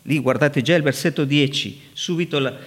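A man preaching and teaching from scripture, animated and rising sharply in pitch for emphasis. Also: normal speed. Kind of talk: sermon. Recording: long hall reverb.

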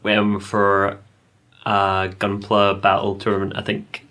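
Low guy with a bright edge, hosting a hobby podcast, lots of ums. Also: completely flat delivery, slow. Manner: hedging, many ums. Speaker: podcast co-host. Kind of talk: casual chat.

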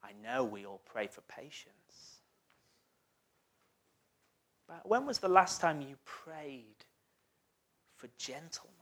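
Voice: medium pitch, very animated, slow, pauses often, a bit bright. A preacher giving a sermon, talking conversationally and putting questions to the congregation, with the voice often sinking almost to a whisper.

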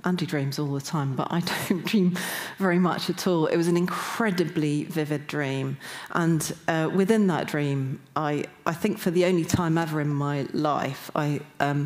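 Low-voiced British woman preaching. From Newcastle, England. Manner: earnest, self-deprecating, with frequent ums and soft laughs. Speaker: church speaker. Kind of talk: sermon.

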